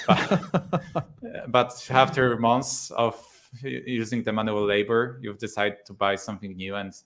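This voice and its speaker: A Polish man in his thirties with a Polish accent, a YouTuber, chats casually as a guest in an interview. He is relaxed, laughs often and uses many fillers. His voice is lowish, and he keeps a measured pace.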